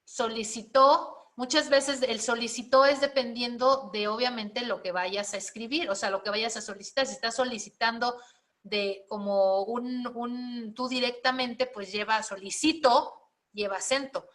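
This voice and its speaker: Woman, spelling teacher, explanatory, frequent check-ins, bright tone. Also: on the high side, fairly even intonation, normal speed. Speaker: spelling and writing instructor. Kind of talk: live class teaching.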